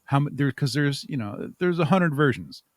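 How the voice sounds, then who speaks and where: In a relaxed interview, this podcast guest, an audio drama creator, answers in a casual, thoughtful, rambling and self-deprecating way. He speaks at normal speed in a fairly high voice with lively intonation, recorded with no echo.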